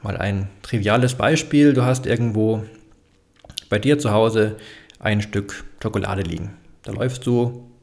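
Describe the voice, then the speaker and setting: A man giving a calm, explanatory self-help talk, speaking directly to the listener with frequent thinking fillers. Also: fairly low pitch, unhurried, creaky.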